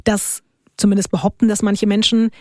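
A woman's voice: mid-range voice, little pitch movement, moderate pace, mellow, no echo, clean studio sound. A young woman hosting a podcast, telling a true crime story in casual, colloquial chat and laughing often.

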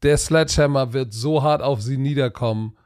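A tired man talking football picks in a casual podcast chat, animated and full of vivid trash talk. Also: medium pitch, normal speed, no room sound, clean studio sound. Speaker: podcast co-host.

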